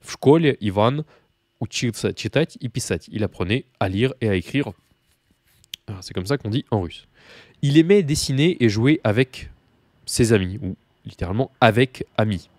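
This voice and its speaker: A man's voice: on the low side, expressive, normal speed, darkish tone, dry recording, studio quality. A man teaching Russian to beginners in a casual video lesson, chatty with many fillers and asides, talking straight to the learners.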